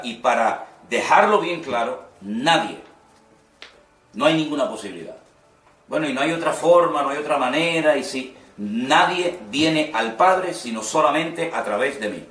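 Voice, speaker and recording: A man's voice: mid-range voice, a bit bright. Guy pastor teaching how to preach, drives points home, roomy echo, sounds a bit far from the mic. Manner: emphatic, instructive, repeats key words. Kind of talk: homiletics class lecture. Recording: echoey room, mic at a distance.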